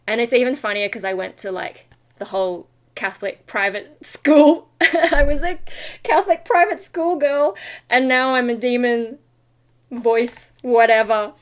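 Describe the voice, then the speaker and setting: A tired woman, not fully awake, chats in a loose, rambling vlog style, scattered and self-deprecating. She's a vlogger and metal vocalist, and her fairly high voice stays steady in tone and moves a little slowly.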